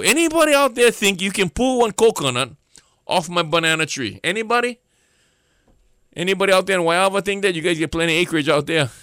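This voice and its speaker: Pastor, male, Hawaiian Pidgin accent, animated storytelling sermon, bright voice, lively pitch. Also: no room sound, clean studio sound. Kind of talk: storytelling sermon to a listening audience.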